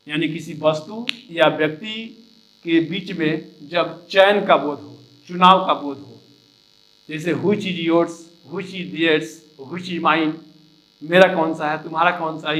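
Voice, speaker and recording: A male teacher explaining English grammar, repeating each example sentence slowly and deliberately. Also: high-pitched, a bit bright, poor audio.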